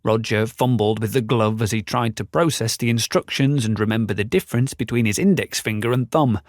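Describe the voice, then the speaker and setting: A man narrating a fantasy audiobook in a measured, descriptive reading. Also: on the low side, no echo, studio quality. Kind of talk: scripted narration.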